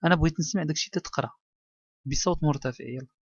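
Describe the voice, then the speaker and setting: A man with a Moroccan accent, a primary school teacher giving a child a one-on-one reading test, coaxing patiently, repeating words slowly and mixing French with Arabic. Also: a little high, husky, no echo. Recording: dull dry lo-fi recording.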